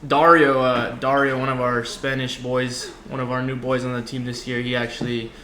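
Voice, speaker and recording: Young male athlete guest, casual chat, mid pitch, clearly roomy sound. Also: flat delivery, moderate pace, bright, forceful tone. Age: young adult. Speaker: soccer player, podcast guest. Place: indoor lounge seating area. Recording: roomy echo, faint background noise.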